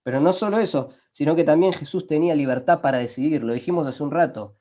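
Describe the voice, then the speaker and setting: Emphatic preacher, lo-fi. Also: male voice, on the high side, dark tone. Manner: emphatic, slows down to quote scripture, asks listeners rhetorical questions. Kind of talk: sermon. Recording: dull lo-fi recording.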